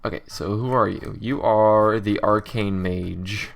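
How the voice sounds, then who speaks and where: Sleepy young guy coding and talking it through, lowish voice, keeps pausing and fixing himself, keys clacking behind. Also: steady tone, vocal fry. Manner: thinks aloud, self-correcting, halting with many pauses. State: drowsy, just woke from a nap. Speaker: game developer coding tutorial host. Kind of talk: casual screen-recorded coding commentary.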